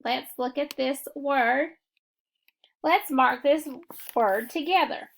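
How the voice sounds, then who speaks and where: A woman teaching a phonics lesson, walking through syllable marking step by step in a deliberate classroom manner. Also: sits high, gravelly. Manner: slow, deliberate classroom instruction. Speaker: reading teacher.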